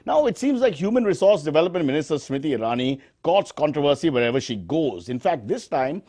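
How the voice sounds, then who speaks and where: An Indian-accented man delivers mock news as a parody news anchor. His voice is high and very animated, swinging from mock-serious announcing to exasperated asides. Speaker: host of a news satire show.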